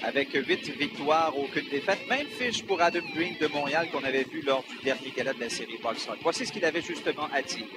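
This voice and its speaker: A man's voice: a little high, brisk, few pauses, loud music behind the voice. A man with a Quebec French accent hosting live boxing commentary from a very noisy, crowded venue. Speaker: boxing play-by-play host. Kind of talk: live sports broadcast commentary. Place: crowded club boxing event.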